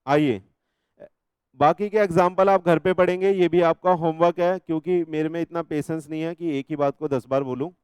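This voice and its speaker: A male teacher with an Indian accent, his voice a bit higher than most men's and smooth and clear. He reads the law text slowly and then breaks into chatty, teasing asides, keeping on at his students about whether they follow. The sound is dry and close, with no room echo. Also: a little mellow. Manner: teasing, scolding students with repeated checks. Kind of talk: classroom law lecture.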